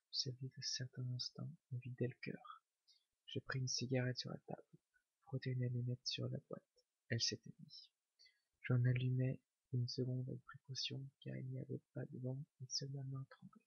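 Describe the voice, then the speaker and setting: A man giving a whispered ASMR reading of a novel, slow and hushed. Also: mid-range voice, monotone, gravelly, breathy edge, dry recording. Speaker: ASMR reader. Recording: dull lo-fi recording.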